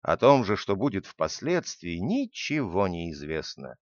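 A man's voice: low-pitched, sing-song, a little slow, no room sound, pitched below the performer's own voice. A man playing a grave royal counselor. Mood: urgent. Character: grave male royal counselor, distrustful and insistent. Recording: dull lo-fi dry recording.

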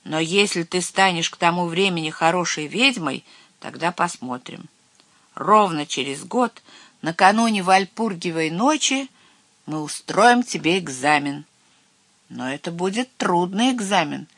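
A storyteller voicing a stern chief of the witches who scolds loudly and gives orders. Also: medium pitch, lively intonation, a little slow, no echo. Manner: loud, commanding, scolding.

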